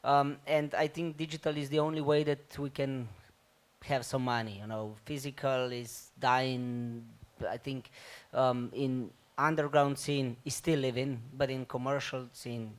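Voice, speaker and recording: A man with a Slovenian accent, answering on a conference panel and pausing often with ums. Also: mid-range voice, level tone. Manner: halting, with many ums. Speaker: panelist, label owner.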